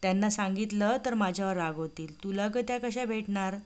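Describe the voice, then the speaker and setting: A woman voicing a nervous young palace maid in a devotional story, asking quick anxious questions. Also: medium pitch, a little mellow, lightly acted.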